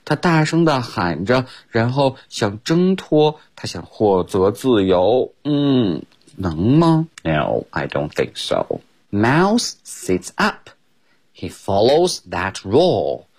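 A male radio teacher reads a children's story to young listeners. His slightly husky voice sits low and swoops up and down. He takes his time over every line. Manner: slow, expressive storytelling with exaggerated pitch swings. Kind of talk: bilingual storybook reading lesson. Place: radio studio.

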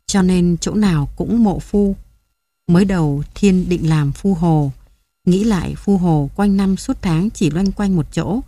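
Calm woman narrating a story. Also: on the low side, no echo.

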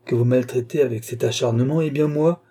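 A man's voice: mid-range voice, brisk, warm tone, breathy edge, lightly acted. A man voicing an earnest, devoted young man of humble birth who pleads humbly.

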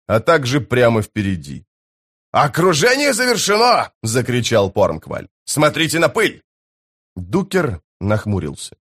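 A man narrating an audiobook in a steady, even storytelling voice. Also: on the low side. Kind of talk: scripted narration.

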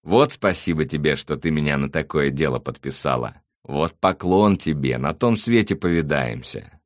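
A man's voice: extremely low pitch, expressive, normal speed, dry recording, studio quality. A man reading an audiobook, voicing a coarse, bossy male thug who swears and barks orders. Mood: gloating.

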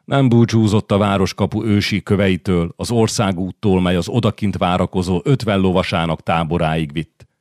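A man with a very low voice reads a historical novel aloud in a measured, even storytelling manner. The sound is dry and close, with no room around it. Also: dry recording. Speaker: audiobook narrator. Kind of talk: scripted audiobook narration.

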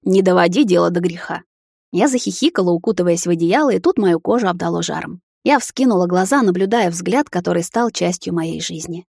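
A woman reads a romantic fantasy novel in first person with calm, even narration. Her voice sits slightly low. The recording is close and dry, with no room. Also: a little fast, gravelly, few pauses, husky, dry recording. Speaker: audiobook narrator.

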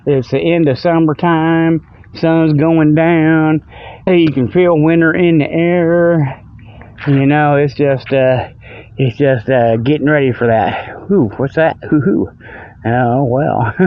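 An older man hosts a hobby radio show outdoors by a river, rambling in a folksy, joking, meandering monologue and chuckling at his own jokes. His voice sits fairly high with a clean tone. The audio is narrow and tinny, with no room sound.

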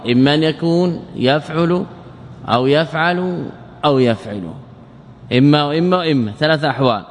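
A man teaching a morphology lesson, asking his listeners questions, answering them himself and stretching out word patterns slowly. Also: fairly high pitch, long reverb tail. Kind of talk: classroom lesson explaining a verse text.

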